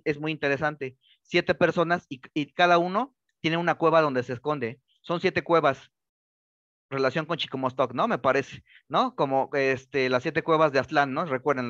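A man's voice: a little high, a bit bright, no echo, muffled recording. A man giving a history lecture, speaking with many fillers and restarts and ending phrases with rhetorical question tags. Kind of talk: academic lecture.

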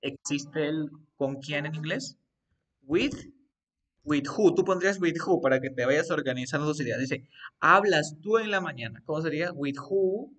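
Guy teaching grammar, slow and kinda high voice, keeps asking the class, bit far from mic. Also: fairly bright tone. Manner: questioning, coaxing students step by step. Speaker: English teacher. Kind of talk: live online grammar lesson.

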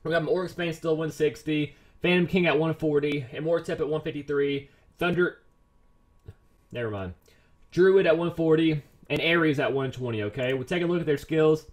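A man commentating his own game play as a YouTuber, excitable, pleading and quickly exasperated over his luck. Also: on the high side. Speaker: gaming YouTuber.

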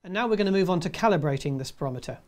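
A man in his fifties presenting a scripted tutorial in a measured, step-by-step way. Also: high-pitched, expressive, darkish tone. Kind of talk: scripted instructional narration.

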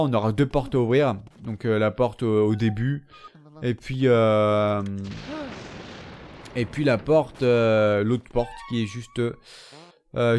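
A young man giving casual gameplay commentary, chatting to the characters on screen with sudden excited outbursts. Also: medium pitch. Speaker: let's play gamer.

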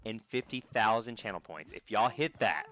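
Excitable young man streaming a game. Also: fairly low pitch, moderate pace. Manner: excitable, laughs often, jokey. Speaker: livestreamer. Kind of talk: casual gameplay commentary.

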